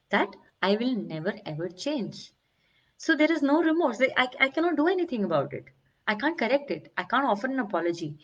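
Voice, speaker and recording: Earnest woman, reflective healing talk. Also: mid-range voice. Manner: earnest, searching, with many restarts and drawn-out emphasis. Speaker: wellbeing coach. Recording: slightly dull, lo-fi sound.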